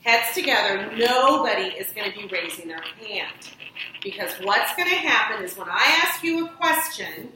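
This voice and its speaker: An elementary school teacher, a woman with a high-leaning, pushed, bright voice, patiently gives instructions and prompts her pupils with questions. A distant room mic picks her up from far off in an echoey classroom, with slight background noise.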